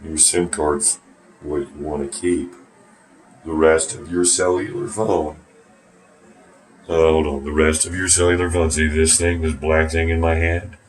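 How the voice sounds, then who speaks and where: A man's voice: rumbling low, fairly even intonation, measured pace, a little hiss or hum. A man talking to his phone camera from a small bathroom, rambling, swearing, and turning sarcastic. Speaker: vlogger. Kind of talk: rambling casual monologue to camera. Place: small warm bathroom at home.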